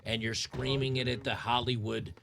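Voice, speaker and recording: A man's voice: mid-range voice, level tone, moderate pace, vocal fry, fairly bright tone, slight background noise. A man, ranting in a frustrated, sarcastic, rambling way. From Tennessee, USA. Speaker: commentator. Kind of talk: ranting commentary.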